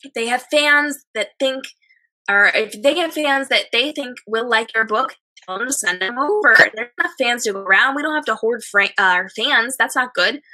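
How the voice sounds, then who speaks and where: A slightly hoarse woman hosting a chatty advice show, speaking emphatically and repeating phrases in lists. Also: a little high, bright, forceful tone, poor audio. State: slightly hoarse, losing her voice. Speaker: host of an advice show for authors. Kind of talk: chatty advice monologue to viewers.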